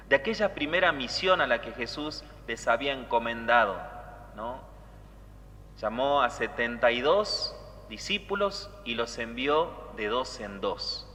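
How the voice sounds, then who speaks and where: A man's voice: mid-range voice, bright, forceful tone. A man, a priest giving an explanatory homily with rhetorical check-in questions in a reverberant church. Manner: didactic, with rhetorical tag questions. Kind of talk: sermon. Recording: long church reverb, background noise.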